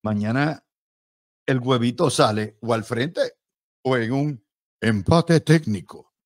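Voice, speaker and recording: A man's voice: medium pitch, takes it slowly. A man with a Puerto Rican accent giving emphatic, combative and sarcastic political commentary as an analyst.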